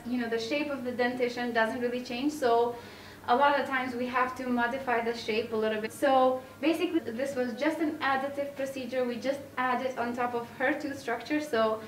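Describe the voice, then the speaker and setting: A woman's voice: on the high side, recorded from a distance. A woman dentist patiently explaining a dental procedure while talking through a face mask, with casual fillers. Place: dental clinic, indoors. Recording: echoey room, voice from off-mic, faint background hiss.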